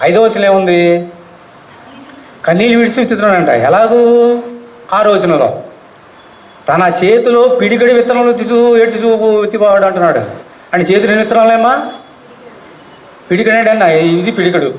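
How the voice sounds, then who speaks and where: A male pastor with a Telugu accent preaches at a rapid clip, his voice pitched fairly high. He fires questions at the congregation and calls out to them. The sound carries the echo of a church hall. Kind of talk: sermon.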